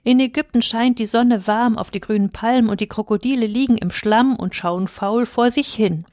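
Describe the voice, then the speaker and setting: A softhearted male swallow, voiced by a woman reading a storybook. He speaks earnestly and with affection, and the sound is dry and close to the mic. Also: on the high side, normal speed, no echo, close to an everyday voice. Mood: wistful.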